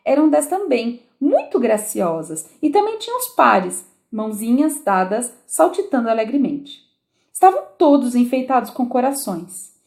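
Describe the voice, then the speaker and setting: A woman narrating an audiobook of a children's classic with expressive storytelling. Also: a little high, moderate pace. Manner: expressive storytelling with lively intonation.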